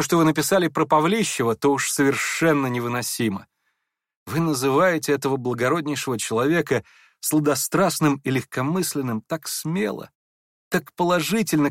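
A man's voice: fairly high pitch, no echo, studio quality, lightly acted. A man voicing a meek, kind young prince who speaks hurriedly and apologetically. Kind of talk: audiobook character voice.

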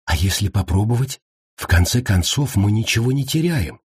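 A man reading an audiobook voices a cruel woman priestess who speaks calmly and coolly. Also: on the low side, moderate pace, husky, dry recording, studio quality. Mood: calm, cold. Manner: calm, cool, matter-of-fact.

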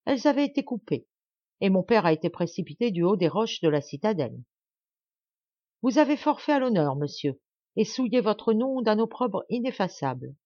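Furious young nobleman voiced by a woman, forceful declaiming, slightly raised pitch, dull lo-fi sound. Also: no room sound, lightly acted.

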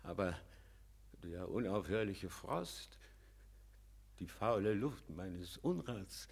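A starved old father rises out of darkness in a classic radio play, his voice husky and worn thin. He pleads and laments, swelling from broken murmurs to desperate cries. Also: low voice, lively intonation, slow pace, full character voice. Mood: mournful. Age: older.

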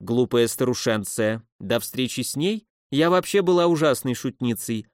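A man's voice: mid-range voice, expressive, normal speed, dry recording, close to an everyday voice. Sneering old drunk lady, a guy putting her on, mocking and bossy, dry close sound. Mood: sardonic. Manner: sneering, scolding, loudly theatrical.

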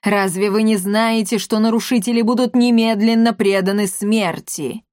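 A woman's voice: mid-range voice, animated, unhurried, a little mellow, no echo, studio quality, lightly acted. Woman doing a roaring old ghost general. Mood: menacing. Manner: roaring, threatening. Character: old ghost general, gruff and menacing, male.

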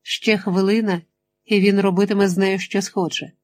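A woman narrating an adventure audiobook in a steady, measured reading voice. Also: medium pitch, no room sound. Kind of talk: scripted narration.

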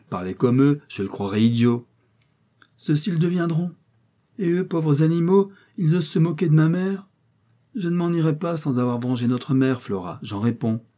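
A man's voice: mid-range voice, warm tone, natural voice. A man voicing a hot-headed, proud young man who speaks vehemently and with solemnity.

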